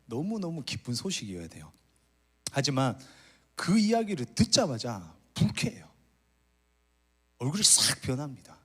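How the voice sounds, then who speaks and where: A man's voice: medium pitch, moderate pace, long pauses, breathy edge. A man preaching a sermon as a pastor, telling a story and acting out the characters' complaints. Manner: animated storytelling, acts out the older son's complaints. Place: church retreat hall.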